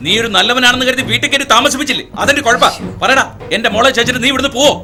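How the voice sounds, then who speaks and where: Play a proud, contemptuous commissioner father, rapid-fire and bright-edged, sneering at everyone in a film dub. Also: very high-pitched, heavily acted. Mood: scornful. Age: middle-aged. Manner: harsh, taunting, contemptuous. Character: domineering, arrogant middle-aged police commissioner father. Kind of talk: dubbed film acting.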